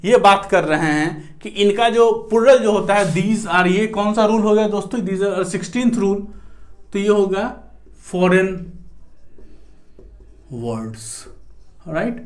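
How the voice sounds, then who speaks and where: Indian male english teacher, high voice, mixes hindi and english, says "right" a lot. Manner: mixes Hindi and English, keeps asking "right" and calling viewers friends. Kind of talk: classroom grammar lecture.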